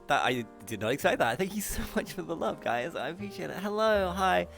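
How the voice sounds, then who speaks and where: A man with a fairly high, swooping voice hosts a casual live stream. He is excitable and giggly as he chats with viewers, and his r's come out as w's. Faint music plays behind him. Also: brisk, creaky. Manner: says w for r. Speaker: host of a live streamed show.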